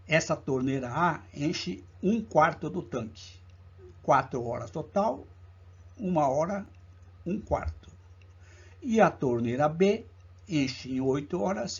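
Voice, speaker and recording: A man with a Brazilian Portuguese accent and a fairly high, slightly rough voice teaches math for a public exam, with the highs cut off in the recording. He goes through problems slowly and deliberately, counting each step aloud in an exam-prep walkthrough.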